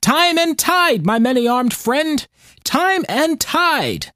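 A man's voice: very high-pitched, sing-song, bright, forceful tone, no echo, studio quality, voice pushed up, exaggerated voice. A man voicing a cheerful, placid older fisherman in a storybook reading, speaking heartily and without hurry in a raised voice. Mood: hearty. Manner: hearty and unhurried.

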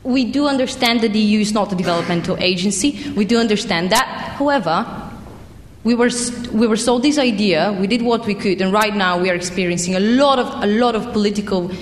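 A woman's voice: medium pitch, a little fast. Woman, audience comment, pressing and hesitant, echoey hall with faint noise. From Bulgaria. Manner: earnest, pressing, hesitant restarts. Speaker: audience member. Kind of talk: comment from the floor at a panel. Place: large hall.

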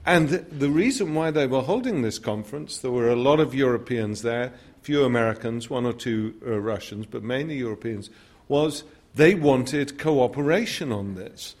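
A man speaking on a panel, giving a measured, thoughtful answer to an audience, with restarts as he searches for words. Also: medium pitch, darkish tone. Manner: measured, with frequent restarts and fillers. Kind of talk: public lecture answer.

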